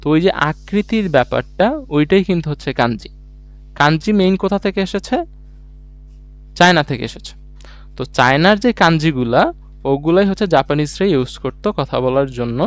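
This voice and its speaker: A slightly high-voiced man teaches an online class, walking through the material step by step. His voice is smooth and clear, recorded close and dry with soft music behind him. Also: lively intonation, a little fast, no echo. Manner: explains step by step, reads out syllable charts; rhetorical questions, mixes English words into speech. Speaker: language teacher.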